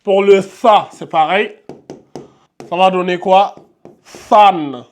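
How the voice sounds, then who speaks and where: A man's voice: sits high, steady tone, takes it slowly. Man drilling Arabic letter sounds. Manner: drills sounds aloud, stressing letter names; addresses viewers directly, frequent checks. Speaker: Arabic teacher. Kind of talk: whiteboard lesson.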